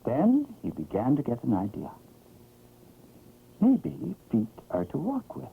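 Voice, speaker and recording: A vintage cartoon narrator tells a children's tale with theatrical expression. The pitch swings widely from phrase to phrase. The sound is an old, tinny film track with faint noise. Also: wildly swooping pitch, measured pace, vocal fry. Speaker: storyteller narrator.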